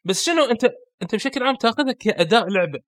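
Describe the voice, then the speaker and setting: A man co-hosting a casual gaming podcast, animated and explaining with quick examples. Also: very high-pitched. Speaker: podcast co-host.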